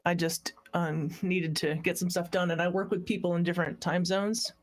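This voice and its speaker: A woman's voice: lowish voice, fairly even intonation, normal speed. A woman co-hosting a podcast, chatting in a playful, self-mocking way. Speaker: podcast co-host. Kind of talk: casual chat.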